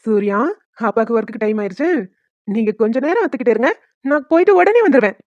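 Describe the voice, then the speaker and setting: A woman voicing a young caring father who talks quickly and earnestly and soothes his baby. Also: on the high side, sing-song, darkish tone, no echo, highs cut off. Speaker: cartoon voice actor. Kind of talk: homemade cartoon dubbing.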